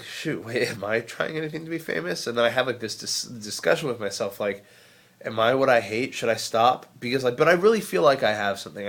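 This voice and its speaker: A man's voice: mid-range voice, fairly bright tone. A young man with a head cold, vlogging in a casual, rambling way and making sarcastic jokes. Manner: sarcastic, jokey, riffs in mock voices.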